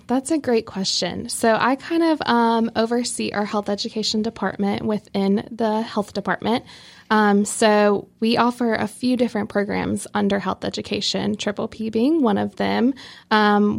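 A woman's voice: mid-range voice, vocal fry, darkish tone. A young woman from North Carolina, a health educator, answering interview questions in a friendly, explanatory way.

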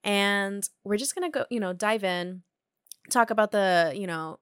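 A young woman hosting a casual film podcast, chatty and quick to laugh, with plenty of fillers. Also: medium pitch, clear, resonant tone, dry recording, clean studio sound. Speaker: podcast host.

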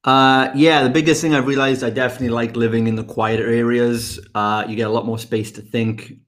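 Upbeat man from the UK. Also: mid-range voice. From United Kingdom. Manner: energetic, upbeat, quick answers. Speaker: guest, fitness business mentor. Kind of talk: podcast interview.

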